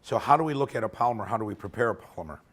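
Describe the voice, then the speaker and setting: In a lecture room, a man is losing his voice as he gives a casual technical talk at a workshop. His lowish voice is animated, very fast and a bit bright, and he keeps wrapping up points with a conversational "okay?"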